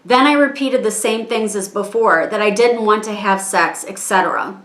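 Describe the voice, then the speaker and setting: A woman reading her own written statement aloud in a measured, halting way, strained and struggling to keep her composure. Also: mid-range voice, fairly bright tone. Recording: echoey room.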